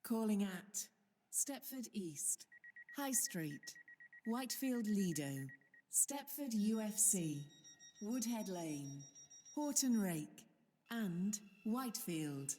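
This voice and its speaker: A woman's voice makes a train station loudspeaker announcement, slow and measured, each stop read out in an even tone. It rings out with a long hall reverb over a faint background hiss. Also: mid-range voice. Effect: platform loudspeaker train announcement. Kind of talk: recorded public announcement.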